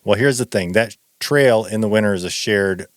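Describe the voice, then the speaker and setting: A relaxed man in his forties talks through a running podcast in a loose, rambling way, with a low voice and a quick laugh. The sound is dry and close, with no room around it. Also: no echo. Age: 40s. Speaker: podcast co-host. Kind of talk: casual chat.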